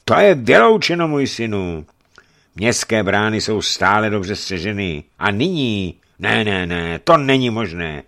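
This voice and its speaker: A man reading an audiobook, voicing a scheming church envoy who speaks slowly, smoothly and with a hidden threat. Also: fairly low pitch, very animated, fairly bright tone, pitched above the performer's own voice. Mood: oily, threatening. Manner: oily, slow and threatening, then stammering in fear. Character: scheming sly male church envoy, middle-aged. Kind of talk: audiobook character voice.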